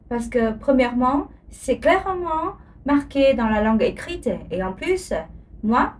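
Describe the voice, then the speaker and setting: Woman language teacher, slow and careful, a touch high, repeats every example. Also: a little mellow. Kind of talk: scripted language lesson.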